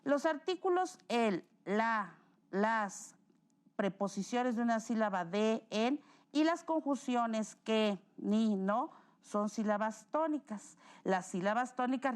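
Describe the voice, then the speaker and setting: A woman's voice: fairly high pitch, expressive, takes it slowly. Patient Mexican woman teaching a lesson. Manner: patient, explanatory, self-correcting with "perdón". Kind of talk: recorded classroom lesson.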